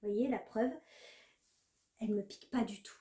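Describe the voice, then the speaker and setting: A woman's voice: mid-range voice, fairly even intonation, normal speed, dark tone. Chatty woman vlogger in an echoey room. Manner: chatty, hesitant with many fillers. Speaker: knitting vlogger. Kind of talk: casual chat to camera.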